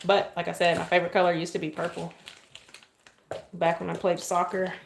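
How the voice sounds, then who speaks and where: A woman's voice: lowish voice, flat delivery, a little fast, vocal fry, background noise. A chatty woman, demonstrating cake decorating on a live stream and often thanking her viewers.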